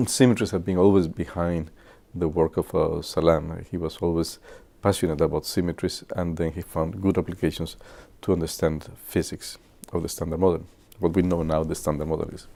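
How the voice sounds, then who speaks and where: A very low, gravelly man reminisces to students. His voice is dark and mellow. He speaks in a halting way and pauses often on "uh". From Guatemala. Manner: halting, with many filler pauses. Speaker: physicist.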